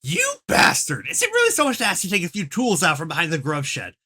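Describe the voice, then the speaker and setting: A performer voicing a loud, foul-mouthed, indignant troll leader with theatrical exasperation in an amateur comic dub. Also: medium pitch, wildly swooping pitch, fairly quick, husky, exaggerated voice. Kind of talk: amateur group dub of a comic chat log.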